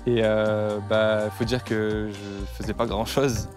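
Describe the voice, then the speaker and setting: A young man speaking candidly and relaxed in a documentary interview. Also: on the low side, takes it slowly, over music.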